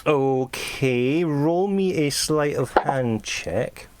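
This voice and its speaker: A man running a tabletop game as game master. He narrates the scene in a halting way and often repeats a word before going on. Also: medium pitch, dry recording. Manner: halting, repeats words when starting a sentence.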